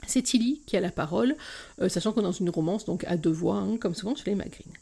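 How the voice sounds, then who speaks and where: A woman's voice: medium pitch, gravelly, mellow. A woman hosting a book podcast, speaking frankly and confidingly to listeners before she reads an excerpt aloud. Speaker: podcast host. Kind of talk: book review and read-aloud.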